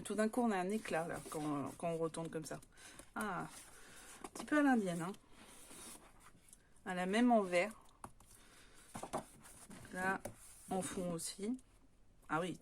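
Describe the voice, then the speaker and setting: A woman's voice: lowish voice, measured pace, pauses often, slight background noise. A woman from France chatting casually as she shows off craft papers, with many hesitant fillers. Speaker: scrapbooking vlogger.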